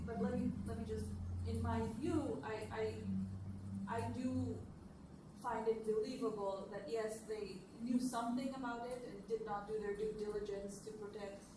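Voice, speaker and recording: A woman's voice: a little high, fairly even intonation, normal speed. A woman from Israel fields audience questions after a talk, choosing her words with care and often circling back to restart. She sounds far from the mic in a very echoey room, with noticeable background noise. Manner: careful, hedging, restarts often. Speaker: speaker answering audience questions.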